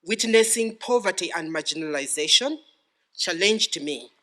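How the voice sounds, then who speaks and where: A middle-aged man with a Ugandan accent giving a formal, ceremonial podium speech with deliberate phrasing. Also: sits high, pushed and bright. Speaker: graduating PhD student giving vote of thanks.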